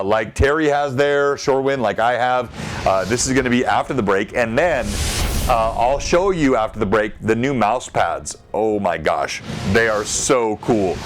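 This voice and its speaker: A man's voice: medium pitch, a little hiss or hum. Upbeat male game master hosting a stream. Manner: upbeat, rambling shout-outs to chat. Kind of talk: live stream host chatter.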